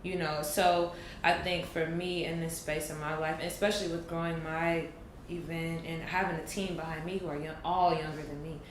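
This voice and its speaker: Woman, late twenties, lower voice; earnest reflective talker, echoey room. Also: flat delivery. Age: 20s. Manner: earnest, thoughtful, drawn-out pauses. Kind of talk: reflective casual chat. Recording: echoey room with faint noise.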